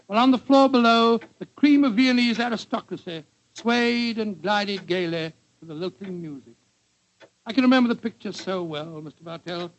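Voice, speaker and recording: An actor playing a genial, fussy older English doctor who reminisces, in 1940s radio storytelling style. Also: male voice, high-pitched, fairly bright tone. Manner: avuncular, fussy. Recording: muffled old 1940s radio recording.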